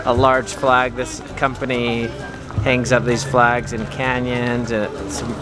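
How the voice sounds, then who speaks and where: A man's voice: mid-range voice, monotone, slow pace, over music, a crowd in the background. An American man in his thirties, a father, casually narrating a family vlog to a handheld camera. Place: family home, outdoors and inside a parked bus. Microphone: handheld camera at arm's length.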